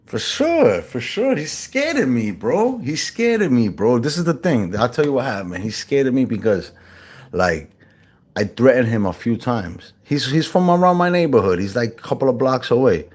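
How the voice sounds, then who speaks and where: A man chatting casually in a slangy, rambling way, with many restarts, calling the listener bro and acting out the people he quotes in a higher voice. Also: very animated, normal speed. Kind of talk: casual chat.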